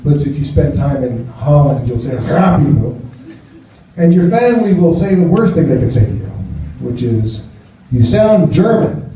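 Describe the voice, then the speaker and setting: At a small cafe, a U.S. stand-up in his fifties rambles self-deprecatingly and trades words with the crowd. His fairly high voice is animated and dark-toned, at normal speed. The distant, roomy, muffled recording carries a little hiss or hum.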